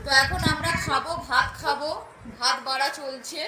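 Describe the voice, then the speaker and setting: A woman's voice: high voice, steady tone, normal speed. A woman vlogging casually at home, chatty and coaxing as she talks to pets and children. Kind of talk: casual home vlog chat. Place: home indoors. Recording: echoey room with background noise.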